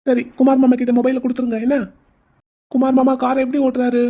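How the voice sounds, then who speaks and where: A woman's voice: high voice, monotone, dull audio. A woman voicing a cheeky young uncle in a cartoon who talks in a teasing, breezy way. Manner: teasing, breezy, fast-talking. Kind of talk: cartoon voice acting.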